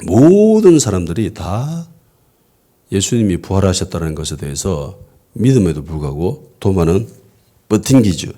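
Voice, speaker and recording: A pastor preaches in a lively, conversational way, throwing rhetorical questions at the congregation. His low voice rises and falls a lot. It has a husky, mellow tone. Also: normal speed. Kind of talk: conversational sermon. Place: church worship service.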